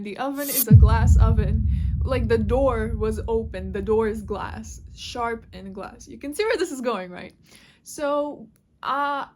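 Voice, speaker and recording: A woman's voice: a little high, a little mellow. A woman telling a casual storytime while she draws, chatty and full of fillers, with casual swearing. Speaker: vlogger.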